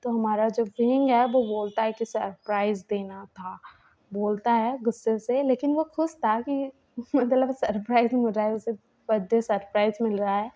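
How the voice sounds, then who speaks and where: A woman's voice: fairly high pitch, mellow, muffled recording. A woman telling a fan-fiction story casually, in a chatty way full of fillers.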